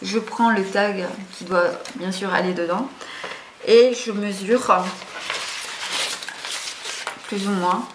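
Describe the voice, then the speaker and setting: A woman's voice: medium pitch, fairly even intonation, slow pace, long pauses. Chatty hesitant woman in a roomy room. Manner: chatty, hesitant, many fillers and self-corrections. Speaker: craft tutorial host. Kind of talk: casual spoken craft tutorial. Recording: roomy echo, faint background noise.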